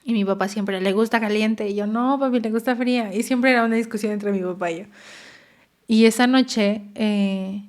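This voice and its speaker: A woman's voice: mid-range voice, steady tone, moderate pace, a little mellow. Young Mexican woman, podcast guest, earnest mother, heartfelt storytelling. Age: young adult. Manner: earnest, repeats words for emphasis, acts out quotes. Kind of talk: emotional personal storytelling.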